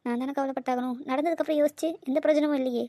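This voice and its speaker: A woman's voice: sits high, fairly even intonation, rapid-fire, dark tone, dry recording, clean studio sound, natural voice. A woman voicing an anxious young woman who scolds and worries about her marriage in a cartoon. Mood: worried. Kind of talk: Tamil cartoon dubbing.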